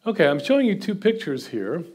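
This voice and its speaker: Standing at a lectern before an audience, a half-Guatemalan American man in his sixties delivers a chatty, informal seminary lecture, poking fun at himself and using plenty of filler sounds. His voice is high, a little mellow with a breathy edge, very animated, and a little fast. He's recorded by a camera set far back in the lecture room.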